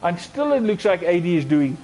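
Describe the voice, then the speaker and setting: A man's voice: high voice, big pitch swings, a little fast, mellow, slight background noise, rough recording. A South African man with an Afrikaans accent, giving casual live commentary on a sim racing stream. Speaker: esports race commentator.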